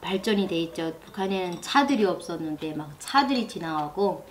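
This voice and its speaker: Soft-spoken young woman from North Korea. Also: on the low side, expressive, a little fast, slight background noise. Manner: soft-spoken, answers with short agreeing words. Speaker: North Korean defector guest. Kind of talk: casual chat over a meal. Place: living room, seated at a low table.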